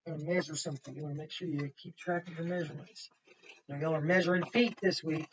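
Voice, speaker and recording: A woman with a low voice speaks at a quick pace in a steady tone, against a noisy background. She is a kindergarten teacher reading a picture book to children, explaining simply, pointing things out, repeating, and asking questions. The distant mic leaves the sound muffled.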